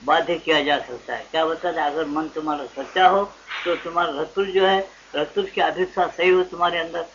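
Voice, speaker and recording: A man's voice: a little high, fairly even intonation, a little fast, fairly bright tone. An older Indian man giving a devotional discourse to a gathering. He keeps asking his listeners questions and acts out little back-and-forth dialogues. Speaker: spiritual teacher. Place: satsang gathering hall. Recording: dull lo-fi archival tape with faint hiss.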